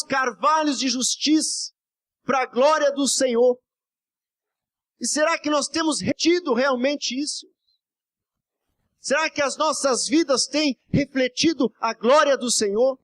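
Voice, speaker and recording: A man's voice: very high voice, unhurried, a bit bright. A man, a pastor, preaching a fervent evening sermon in church, exhorting the congregation and often calling out to the brothers and asking for amens. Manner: constantly addresses "brothers" and asks for amens. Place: church service before a congregation.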